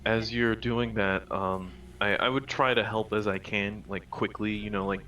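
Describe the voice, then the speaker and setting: A man chatting at a tabletop game, explaining at length and hedging with fillers. His voice sits low but sounds bright, and he is a bit away from the mic. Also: steady tone, normal speed, distant mic, low-quality recording. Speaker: player. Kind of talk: casual chat at a tabletop game.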